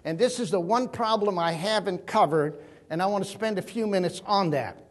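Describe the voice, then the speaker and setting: Older man, keynote speaker, high voice, earnest, emphatic. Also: normal speed. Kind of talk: keynote talk on money and markets.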